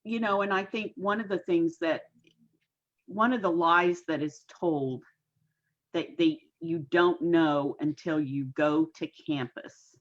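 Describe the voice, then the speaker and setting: Low-voiced folksy woman in her sixties. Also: fairly even intonation, slow, highs cut off. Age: 60s. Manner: folksy, homespun phrasing. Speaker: guest. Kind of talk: casual interview talk. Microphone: video call.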